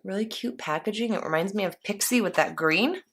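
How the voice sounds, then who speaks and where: Speaking briskly in a mid-range voice, a woman vlogger chats to camera while unboxing a beauty box. She rambles with fillers and sounds a bit congested due to allergies.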